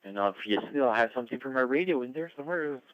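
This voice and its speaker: A man's voice: mid-range voice, expressive, fast talker, no room sound, lo-fi sound. A man chatting casually as an amateur radio net controller over a two-way radio, rambling and friendly. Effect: two-way radio transmission.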